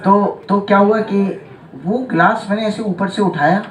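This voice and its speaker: A male teacher telling a funny story to his class, animated and chuckling, often checking that students follow. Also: high-pitched, a little slow. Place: large classroom or hall with students. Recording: echoey hall from far off with loud crowd. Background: students laughing and chiming in.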